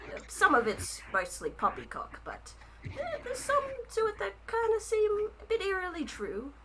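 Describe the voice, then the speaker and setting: A woman's voice: very high-pitched, moderate pace, a crowd in the background, voice pushed up, heavily acted, low-quality recording. Woman doing a bashful rabbit-folk author. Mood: chatty. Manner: chatty, flattered and stammering.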